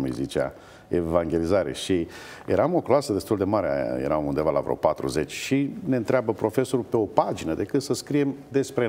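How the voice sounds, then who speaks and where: A middle-aged man, an opera singer, telling stories with hesitations in a TV interview. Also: lowish voice. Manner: animated anecdotes with hesitations. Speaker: guest, opera bass-baritone. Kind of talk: storytelling in a TV interview.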